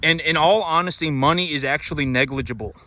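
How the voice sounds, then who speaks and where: A man's voice: fairly high pitch, quick pace, pushed and bright, slight background noise. A man who raises cattle, talking casually and emphatically to his audience, repeating points and restarting sentences often. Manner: repetitive, emphatic, many restarts and fillers. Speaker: cattle rancher vlogger. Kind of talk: casual monologue to camera.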